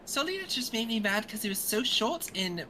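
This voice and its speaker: Woman, casual podcast chat, bright voice, lively pitch, opinionated. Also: normal speed, a little hiss or hum. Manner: animated and opinionated.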